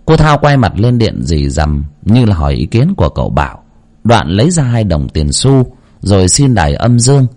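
A man narrating a spooky folk story in a steady, measured way. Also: on the low side. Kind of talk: scripted horror story narration.

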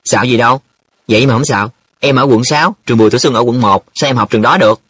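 A man's voice: mid-range voice, fast talker, fairly bright tone, breathy edge, dry recording, studio quality. A man voicing a blunt young man who fires mocking questions at his friends. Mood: scoffing.

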